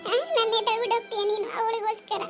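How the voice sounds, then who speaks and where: A woman's voice: very high voice, little pitch movement, rapid-fire, fairly bright tone, faint music behind. A woman voicing an aging mother in a cartoon story, emotional and pleading, who scolds her daughter-in-law. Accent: Kannada. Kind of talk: cartoon dubbing.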